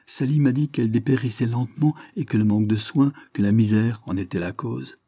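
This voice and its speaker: A man's voice: mid-range voice, fairly quick, dark tone, husky, no room sound, clean studio sound, pitched above the performer's own voice. A man doing a tearful young woman pleading. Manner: tearful, imploring, voice raised. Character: distressed young woman pleading with her father.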